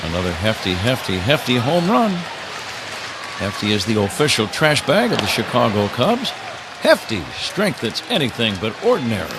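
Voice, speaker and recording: An American radio play-by-play announcer calls a baseball game live from a ballpark broadcast booth, his medium-pitched voice sing-song at a moderate pace. The noisy live broadcast carries clear outdoor stadium ambience, with a crowd in the background.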